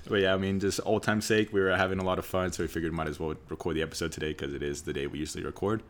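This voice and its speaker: A man's voice: low voice, fairly even intonation, racing. A man hosting a casual group podcast, talking in a garage with the door open. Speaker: podcast host. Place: in a garage with door cracked open by a main road. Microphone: USB desk mic with pop filter.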